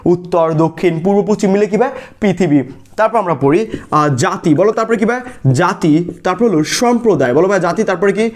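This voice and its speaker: A man's voice: sits high, a little fast. A young man from Bangladesh teaching English grammar for exam prep. He drills students by asking questions and answering them himself, and keeps calling them brother. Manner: calls listeners brother over and over. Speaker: English tutor. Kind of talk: energetic exam-prep lesson with call-and-response drills.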